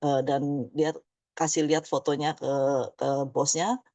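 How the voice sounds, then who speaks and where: A woman's voice: low-pitched, flat delivery, measured pace, mellow, no echo. Chatty woman in her fifties, dry sound. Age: 50s. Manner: chatty, tags many phrases with "ya". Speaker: business presenter. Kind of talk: motivational presentation.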